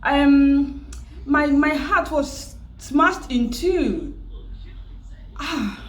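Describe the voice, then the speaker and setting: A grieving woman with a Nigerian accent, from Nigeria, telling a personal story at home in a halting, tearful way, repeating words and restarting often. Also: high voice, animated. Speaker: vlogger. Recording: roomy echo.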